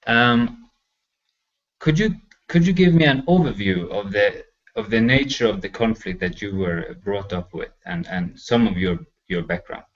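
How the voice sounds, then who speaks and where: A man's voice: on the low side, measured pace, highs cut off. A man hosting an interview, giving a formal introduction and asking polite questions over a video call. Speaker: host. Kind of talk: interview host.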